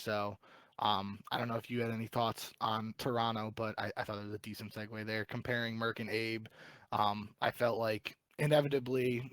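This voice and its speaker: A man's voice: medium pitch, fairly bright tone, no room sound. A man co-hosting a podcast, talking esports in a casual, rambling way with lots of fillers and restarts. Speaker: podcast co-host. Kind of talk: casual esports analysis chat.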